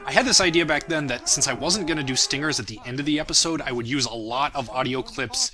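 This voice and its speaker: In a fast, mid-range voice, the young maker of a fan parody series offers loose, self-mocking commentary on what he created.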